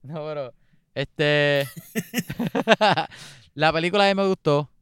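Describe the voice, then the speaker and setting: A man chatting casually about a film, relaxed, laughing often and losing track of scenes. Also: fairly high pitch, slow, clean tone, no room sound, clean studio sound. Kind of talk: casual chat reviewing a film.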